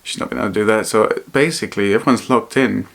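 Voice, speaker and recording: Low-pitched man, earnest and halting. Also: creaky, a bit bright. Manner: earnest, halting, repeats phrases. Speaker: vlogger. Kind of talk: personal vlog to camera, reflective talk.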